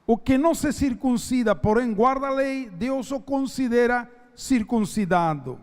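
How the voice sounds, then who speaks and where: A man's voice: very high-pitched, unhurried, a little mellow, in a large hall. A man preaching a sermon and reading scripture, emphatic and drawn out. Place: church.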